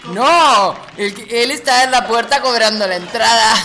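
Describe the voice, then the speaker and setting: A man's voice: very high-pitched, moderate pace. A man putting on a brassy bawdy woman. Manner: brassy, crude, loud punchlines. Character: bawdy adult woman comic telling dirty jokes. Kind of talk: comedy sketch. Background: music.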